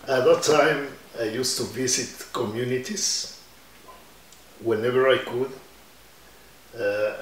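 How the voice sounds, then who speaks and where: A medium-pitched voice belongs to an older man from Ecuador, a musician in his 70s giving an oral history interview. Slow and reflective, he tells stories while gesturing with his hands, and the faraway mic picks up a roomy sound in an indoor space with guitars on the wall.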